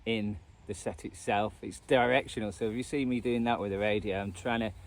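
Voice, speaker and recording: A Northern English man, speaking a little fast in a low, steady voice, vlogs about his hobby while showing a radio band scan. Unscripted and casual, he thinks out loud with phrases that hesitate and trail off, standing at a churchyard's edge with traffic audible in the noisy outdoor recording.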